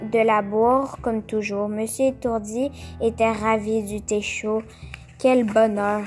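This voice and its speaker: A woman reading a children's picture book aloud, slow and careful, stopping to explain the pictures. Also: on the high side, a little mellow. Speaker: storyteller.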